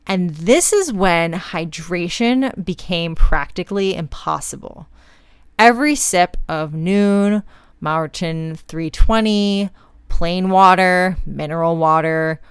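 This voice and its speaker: A young woman recounting her own story on her podcast in a casual, chatty manner, full of "like"s. Her voice is low-set and smooth. The sound is close and dry, with no room behind it. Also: a bit bright, dry recording. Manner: casual and chatty, many fillers like "like". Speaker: podcast host. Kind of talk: personal storytelling.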